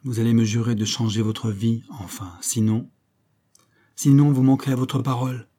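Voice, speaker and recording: A man reading the part of an earnest young nobleman who speaks gravely and insistently. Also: mid-range voice, little pitch movement, moderate pace, mellow, natural voice.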